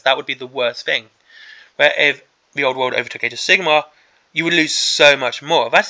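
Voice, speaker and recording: A male hobby host talks off the cuff in a somewhat high, sharp-edged voice that is beginning to give out. He rambles emphatically, circling back to repeat his points as he delivers an opinionated rant. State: voice starting to give out.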